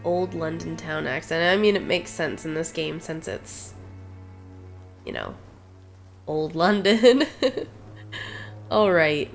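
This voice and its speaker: A woman streamer chatting through a game in a slow, unhurried way, giggling and asking her viewers questions. Faint game music sits behind her voice. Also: fairly low pitch, expressive, gravelly. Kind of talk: gameplay commentary.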